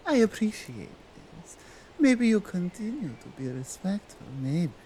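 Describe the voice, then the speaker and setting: A woman with a Nordic accent playing a dominant, stern yet coaxing Krampus in a slow, deliberate ASMR roleplay. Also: mid-range voice, very animated, mellow, slight background noise, poor audio. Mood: coaxing, reassuring. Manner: deliberate, commanding, halting non-native phrasing.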